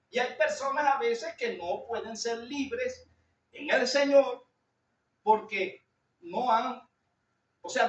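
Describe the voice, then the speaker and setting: A man with a Venezuelan accent gives a sermon in a very high, loud, shouting timbre, earnest and confessional, calling his listeners brother. The sound is echoey and dull, picked up from a distance in a church hall. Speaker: preacher.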